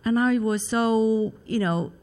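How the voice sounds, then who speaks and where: Taiwanese woman speaking halting English. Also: a little high, darkish tone. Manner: halting non-native English, short agreeing replies. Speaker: guest, charity founder. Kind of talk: interview answers.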